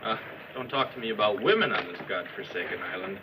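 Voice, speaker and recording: An actor playing a grumbling, sardonic young castaway in a 1960s film. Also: male voice, fairly low pitch, lively intonation, quick pace, natural voice. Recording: noisy distant old film soundtrack.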